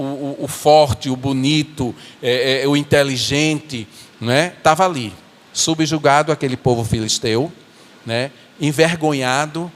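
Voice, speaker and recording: Voicing a regretful strongman from the Bible, a church performer narrates his own fall in the first person, earnestly and haltingly, tripping over repeated words. His natural voice is a little high, and the church hall around him is reverberant.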